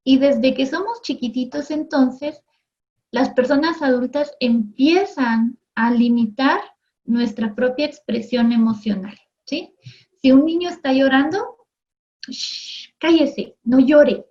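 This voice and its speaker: Higher-voiced woman teacher, lo-fi sound. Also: darkish tone. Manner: conversational, often checks in with "¿sí?" and "¿no?"; acts out everyday voices in quick asides. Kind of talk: recorded classroom lesson for TV.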